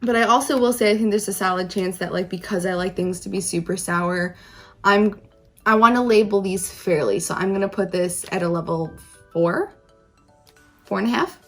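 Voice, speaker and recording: A woman's voice: medium pitch, moderate pace, soft background music. A woman hosting a casual taste-test vlog, talking informally and emphatically in a rambling, conversational way. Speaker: candy reviewer, video host.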